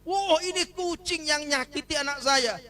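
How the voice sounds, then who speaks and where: A frantic village mother, put on by a male preacher in the middle of a sermon story. She cries out in alarm, high-pitched and urgent. He barely changes his own voice. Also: huge pitch swings, brisk, sharp tone, exaggerated voice. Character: frantic village mother, panicked then remorseful.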